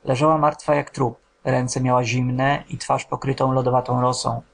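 Gravelly, husky male audiobook narrator. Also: medium pitch, level tone, normal speed. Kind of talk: scripted literary narration.

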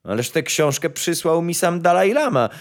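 A man voicing a haughty, commanding emperor in a storybook reading, loud and demanding. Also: mid-range voice, sing-song, unhurried. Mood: imperious. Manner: commanding and imperious.

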